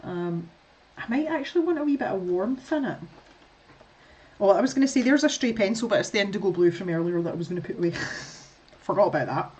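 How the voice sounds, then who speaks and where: A woman's voice: medium pitch, expressive, fairly quick, darkish tone. A middle-aged woman with a Scottish accent chatting casually to viewers while she colours, rambling and laughing often. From Scotland. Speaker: art streamer.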